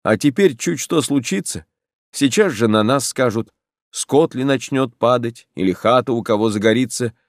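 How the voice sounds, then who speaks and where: Man plays a soft-spoken young village woman in a storybook, earnest and tender, dry close sound. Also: mid-range voice, animated, normal speed, no echo, natural voice. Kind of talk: audiobook narration.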